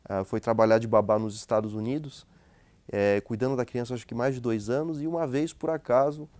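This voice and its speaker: A man's voice: mid-range voice, fairly quick, darkish tone, no echo. Male academic guest, mid-range voice, dry close sound, chatty explainer who keeps tagging his sentences with questions. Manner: frequent tag questions and hesitant restarts. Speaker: guest sociologist and professor. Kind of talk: relaxed explanatory conversation.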